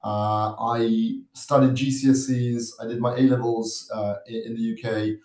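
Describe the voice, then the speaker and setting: A man in his thirties from Nepal, giving an earnest, measured webinar talk as a guest speaker, pausing often to find his words. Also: medium pitch, flat delivery, a little mellow. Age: 30s. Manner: earnest, measured, with frequent hesitations. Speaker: guest speaker, army officer. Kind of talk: webinar presentation. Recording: echoey room sound.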